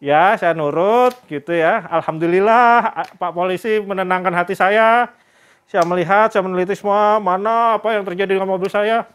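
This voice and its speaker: Chatty man vlogger, slightly high voice. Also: normal speed, a bit bright, clear, resonant tone. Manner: chatty, addresses viewers as "Kak"; religious greetings and expressions. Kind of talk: casual vlog storytelling.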